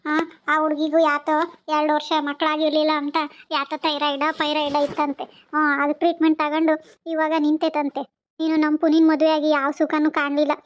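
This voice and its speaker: Brief: a woman as a motherly older mother-in-law in a home drama, high, even voice, muffled lo-fi sound. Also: moderate pace, no room sound, lightly acted. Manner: coaxing, rustic village speech. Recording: dull lo-fi.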